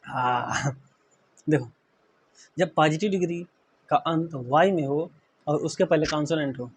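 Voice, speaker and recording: A man's voice: fairly high pitch, unhurried, breathy edge. A man from India teaching English grammar in a classroom-style lecture, spelling words letter by letter and often checking that students follow.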